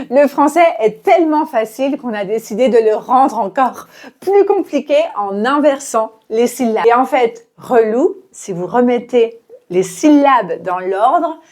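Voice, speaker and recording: A woman teaching French expressions in a quiz-style lesson, talking clearly and deliberately with playful examples. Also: a little high, lively intonation, darkish tone.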